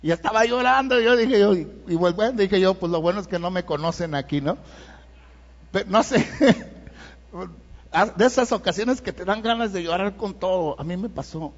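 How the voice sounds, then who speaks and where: A middle-aged pastor with a Mexican Spanish accent and a voice high for a man preaches at normal speed in a conversational style, often tossing in "¿verdad?" to check in with listeners. The sound is muffled and dull, fading into the long reverb of a large church hall.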